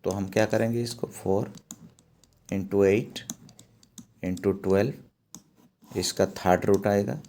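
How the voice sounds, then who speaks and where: Slow, low-voiced man teaching math. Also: steady tone, warm tone, slight background noise. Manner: slow, repeats steps and checks in with "है ना". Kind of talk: whiteboard math lesson.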